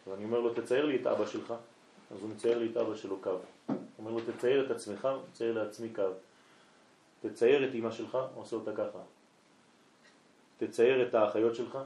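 A man's voice: medium pitch, steady tone, pauses often, darkish tone, a little hiss or hum. A man, a rabbi, telling a story during a night lesson and acting out both sides of a conversation. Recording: echoey room.

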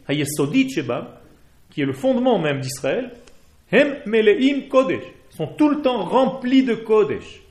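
Fervently exhorting his Torah class, an Israeli rabbi with Hebrew as his native tongue and an Israeli accent speaks in a high-pitched, darkish voice. The recording has a roomy feel.

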